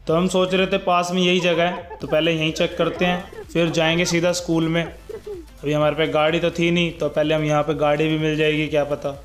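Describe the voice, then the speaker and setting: Young man, gaming YouTuber, casual gameplay voice-over, chatty, fairly high voice, faint music underneath. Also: moderate pace. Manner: chatty, keeps saying "guys" and "bhai" to viewers.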